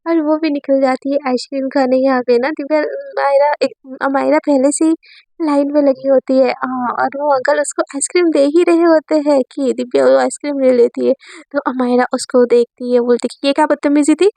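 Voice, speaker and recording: A woman's voice: sits high, steady tone, normal speed, creaky, warm tone, dry recording, low-quality recording. A woman telling a love story in a chatty, informal way. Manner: chatty, uses fillers like "ना". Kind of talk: casual story narration.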